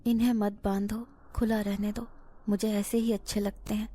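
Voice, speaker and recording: A woman's voice: mid-range voice, level tone, warm tone, a little hiss or hum, natural voice. A woman voicing a possessive male jinn who whispers in a girl's ear in a horror story. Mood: coaxing. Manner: slow, insistent whisper in the ear.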